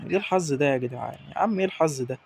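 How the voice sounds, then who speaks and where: A young man with an Egyptian Arabic accent giving excitable, exasperated commentary over his own football gameplay. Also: mid-range voice, very fast, vocal fry, a little hiss or hum. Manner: excitable, exasperated, talks to the players on screen. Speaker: gaming YouTuber.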